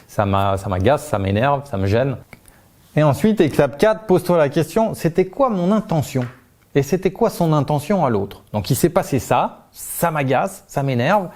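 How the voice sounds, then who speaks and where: A man's voice: medium pitch, warm tone. A man teaching a communication method in an informal, spontaneous way, with frequent fillers and restarts, lifting his voice as he announces each step. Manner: informal, uses tu, many fillers and restarts, laughs lightly. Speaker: communication trainer. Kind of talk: spontaneous explanatory talk.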